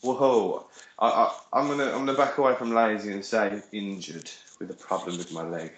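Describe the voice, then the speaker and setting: A man's voice: lowish voice, steady tone, moderate pace. A man with a Birmingham accent, co-hosting a podcast in rambling, sweary casual chat. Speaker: podcast co-host. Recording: echoey room with faint noise.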